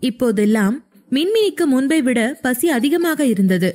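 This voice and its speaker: A woman narrating a scripted audio story in a steady, even reading voice. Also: high voice, moderate pace.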